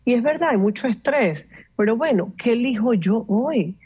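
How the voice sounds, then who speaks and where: A woman, a meditation coach explaining calmly and instructively, mixing in English words. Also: on the high side, normal speed, slightly rough, lo-fi sound. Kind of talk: explanatory interview talk.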